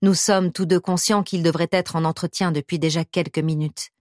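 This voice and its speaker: Low-voiced woman reading an audiobook. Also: steady tone, moderate pace, darkish tone, no room sound, clean studio sound. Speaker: audiobook narrator. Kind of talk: first-person audiobook narration.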